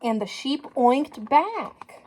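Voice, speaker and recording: In a high voice, a woman reads aloud to children as a teacher might, full of energy and encouragement. She stops periodically to put questions to her young listeners.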